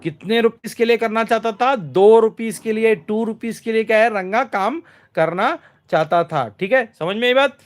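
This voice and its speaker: A high-voiced male teacher goes through exam questions. He asks each question aloud and answers it himself, with plenty of fillers and repeats. He slows to a crawl when reading English lines and presses viewers to comment fast. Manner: urges viewers to comment quickly.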